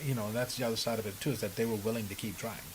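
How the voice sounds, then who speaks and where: A middle-aged Bahamian man, a personal development speaker, answers as a podcast guest in a lowish voice at a rapid-fire clip. He's emphatic and keeps checking in with short questions, over a rough recording with steady background hiss.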